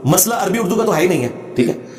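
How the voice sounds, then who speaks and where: Male religious lecturer, combative and emphatic, fast delivery, roomy echo. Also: high voice, lively intonation. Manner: emphatic and combative, demonstrates Arabic recitation. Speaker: religious speaker. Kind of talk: lecture answering a question.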